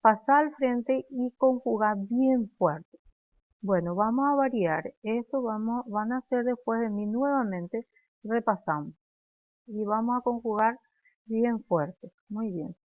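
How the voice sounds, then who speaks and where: Paraguayan woman teacher, unhurried, drills phrases for students to repeat, tinny dry recording. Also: on the high side. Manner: slow, clear, repeats phrases for students to echo. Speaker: Guarani language teacher. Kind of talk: classroom lesson, drilling conjugations. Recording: dry, phone-like narrow sound.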